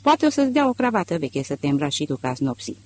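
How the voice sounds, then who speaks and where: A male audiobook reader voicing a bony, barefoot farm wife who laughs harshly and shouts with scorn. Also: fairly high pitch, big pitch swings, a little hiss or hum. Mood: scornful shouting.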